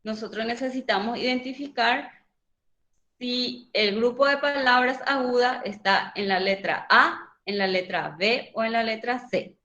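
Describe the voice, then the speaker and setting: Slow, bright-voiced woman teacher. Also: on the high side, highs cut off. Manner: slow, patient, asks students questions. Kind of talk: online Spanish grammar lesson.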